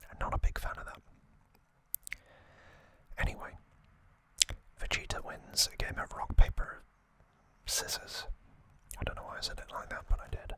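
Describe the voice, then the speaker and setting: A man hosting an ASMR video gives a casual recap in a breathy, unvoiced whisper, his delivery halting and intimate.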